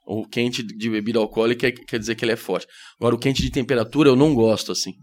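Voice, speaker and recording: A man's voice: medium pitch, steady tone, fast, a little mellow. A Brazilian man talks through his stories with a modest, self-deprecating ease. He is a comedian who admits he is shy, and he animates his tales by mimicking the people in them. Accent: Brazilian Portuguese. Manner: shy, self-deprecating storyteller who acts out quoted voices. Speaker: comedian guest. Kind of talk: casual podcast chat.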